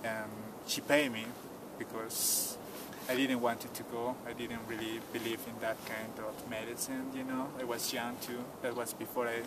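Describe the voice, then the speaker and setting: At a mountain site, a Peruvian tour guide from rural Cusco, whose first language is Quechua, shares a story in a casual interview. His medium-pitched voice keeps a moderate pace, relaxed and plain, dotted with "you know." Recorded on a distant outdoor mic, it carries heavy background noise and loud ambience.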